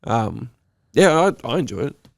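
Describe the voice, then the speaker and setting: A man's voice: mid-range voice, big pitch swings, a little slow, gravelly, no room sound, clean studio sound. Man, nasal from a cold. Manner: chatty, laughs often. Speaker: podcast co-host. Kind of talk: casual chat.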